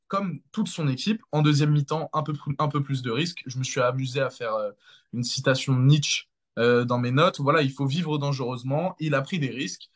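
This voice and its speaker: Man, sports journalist, casual football talk, emphatic, repeats himself, slightly high-pitched. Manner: enthusiastic, emphatic, repeats key words.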